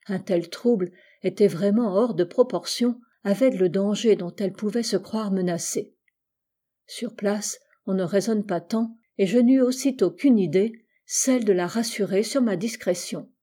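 A woman reading a classic novel aloud as an audiobook, in a measured, even way. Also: medium pitch, husky. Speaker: audiobook reader. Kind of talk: scripted literary narration.

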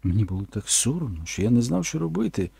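A man's voice: mid-range voice, big pitch swings, quick pace, creaky, mellow, slightly rough. A man reading a first-person story aloud in a plain, earnest storytelling manner. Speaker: audiobook narrator. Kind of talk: first-person audiobook narration.

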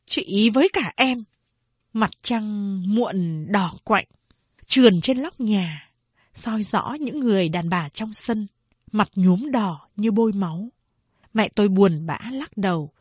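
A woman narrating a novel in a steady, measured storytelling voice. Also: medium pitch, husky, no echo.

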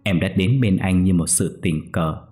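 A man's voice: low-pitched, measured pace, a little mellow, soft background music. A man voicing a polite, deferential young man, shaken and mourning. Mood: grieving. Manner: humble and deferential.

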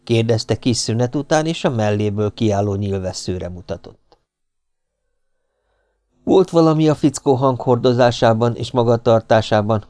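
A man reading an adventure novel aloud as an audiobook narrator, steady and even. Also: fairly low pitch, no echo. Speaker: audiobook reader. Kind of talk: scripted narration.

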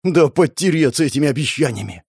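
A man voicing a panicking, furious male enforcer who shouts and curses. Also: a little high, lively intonation, fast, breathy edge, dry recording, studio quality, pitched above the performer's own voice. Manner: shouting, cursing, frantic.

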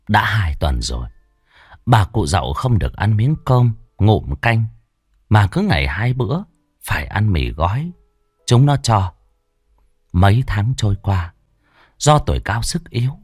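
A man's voice: on the low side, no room sound, clean studio sound. A man narrating a ghost story in a dramatic, mournful storyteller's manner.

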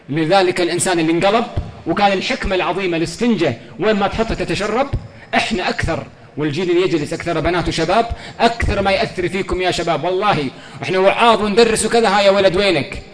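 A man giving a religious lecture, telling stories in a fervent, pleading way. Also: high voice. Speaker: preacher.

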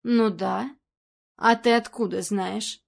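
A jittery aging actress, flustered and anxious, her questions tumbling out one after another, as a woman reads her in a storybook. She sounds uneasy and quick to startle. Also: medium pitch, steady tone, gravelly, exaggerated voice. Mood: wary. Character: nervous aging woman film actress, jumpy.

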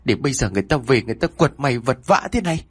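A man voicing a shrill, scolding middle-aged village mother who rebukes her son fast and loud. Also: animated, slightly rough, no room sound. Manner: shrieking, fast, wailing rebukes.

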